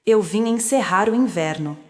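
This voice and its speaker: A woman voicing a composed young businesswoman who speaks calmly and with quiet, cutting resolve. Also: mid-range voice, close to an everyday voice. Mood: cold calm. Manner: calm, measured, quietly cutting. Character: composed young woman returned as rich CEO, coldly calm. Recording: long reverb.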